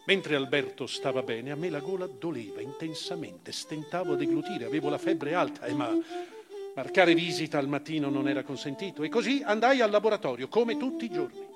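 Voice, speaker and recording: A male actor with a natural voice on the high side and lively intonation plays a grave, reflective former camp prisoner recounting his past, reading a literary memoir with measured drama. The mood is grave and intent. It's a live stage reading for radio, recorded in a big reverberant hall with live music.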